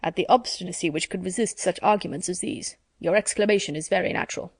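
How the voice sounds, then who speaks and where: A woman voicing a pompous, self-satisfied middle-aged gentleman in a storybook reading, measured and formal. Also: lowish voice, no echo, clean studio sound.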